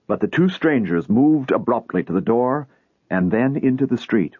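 Husky man reading a story, phone-like sound. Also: fairly low pitch, no echo. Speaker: narrator.

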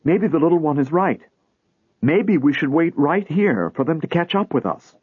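A man's voice: on the high side, expressive, moderate pace, breathy edge, dry recording, pitched above the performer's own voice. A bitter, scornful mother, as a man puts her on. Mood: hopeful. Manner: bitter, anxious. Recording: tinny phone-like dry recording.

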